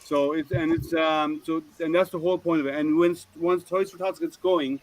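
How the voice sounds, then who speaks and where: A man's voice: fairly high pitch, steady tone, moderate pace, rough recording. A man hosting a casual livestream hangout, chatty and rambling, often restarting his sentences as he greets viewers. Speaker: host.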